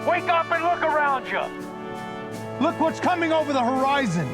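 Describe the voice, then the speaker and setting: A fervent freedom fighter and grieving father in a film drama. His voice rides very high as he delivers an emphatic, earnest speech with deliberate pauses. Loud music fills the space behind him. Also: animated. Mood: impassioned, rousing. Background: loud swelling music.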